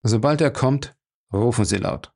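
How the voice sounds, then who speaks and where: A man voicing a brisk, commanding male captain in an audiobook, curt in his orders. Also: medium pitch, gravelly, a little mellow.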